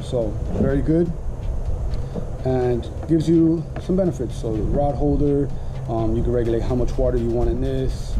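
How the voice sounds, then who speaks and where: A man in his thirties casually reviewing fishing gear outdoors in a backyard, talking with frequent fillers as he holds up each item. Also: medium pitch. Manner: relaxed, many "um" fillers, explains gear while holding it up. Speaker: kayak fishing vlogger.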